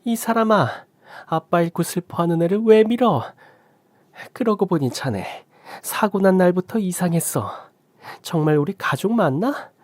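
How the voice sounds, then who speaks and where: A man's voice: sits high, lively intonation, measured pace, dry recording, pitched above the performer's own voice. A man voicing an outraged middle-aged mother-in-law, scolding and reproachful. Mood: outraged, accusing.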